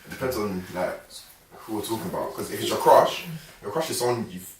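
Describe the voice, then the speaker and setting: An eighteen-year-old man, talking in a measured, laid-back way on a teen panel. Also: lowish voice, animated. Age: teens. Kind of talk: casual panel discussion. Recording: roomy with crowd chatter, distant mic.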